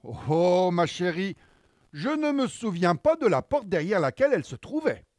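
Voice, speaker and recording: A man's voice: high voice, very animated, moderate pace, darkish tone, dry recording, clean studio sound. A man voicing a sly storybook mother who talks sweetly and with mock innocence to her daughter. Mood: mock-innocent.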